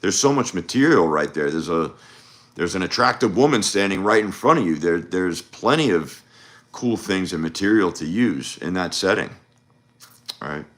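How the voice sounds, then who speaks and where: A man's voice: low voice, animated, normal speed, a bit bright. A man coaching on dating in a loose, rambling livestream chat, full of fillers and restarts. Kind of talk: casual livestream talk. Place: home livestream.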